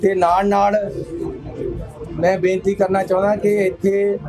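High-voiced Punjabi man giving a scornful speech. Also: flat delivery, unhurried, over music, poor audio. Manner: scornful, appealing to listeners. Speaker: politician addressing a crowd. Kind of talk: political speech.

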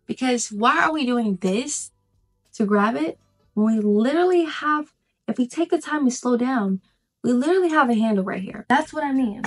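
A woman vlogger giving casual lifestyle advice, emphatic and repeating her key phrases, slowing down to stress points. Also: fairly high pitch, lively intonation, husky, faint music behind.

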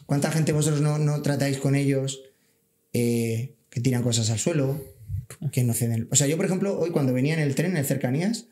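A man's voice: mid-range voice, brisk, warm tone, roomy sound. A man, a civil guard officer talking earnestly in a casual podcast, backing his points with everyday examples.

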